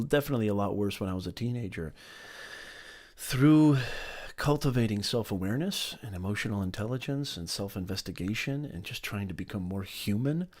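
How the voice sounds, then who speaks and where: A middle-aged man hosting a motivational live stream, talking emphatically, repeating his points and greeting viewers by name. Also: lowish voice.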